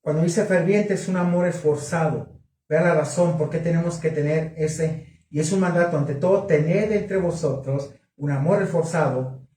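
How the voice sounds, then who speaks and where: A man preaching at a marriage conference, questioning the congregation in an animated way. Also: a little high, moderate pace. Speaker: pastor. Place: church hall. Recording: echoey hall, mic from a distance.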